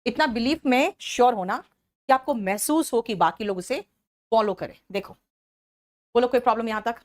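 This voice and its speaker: Woman exam-prep teacher, Indian English accent, slightly high pitch, patient and explanatory. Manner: explains each word slowly, checks in with students often. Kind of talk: exam-prep vocabulary lesson.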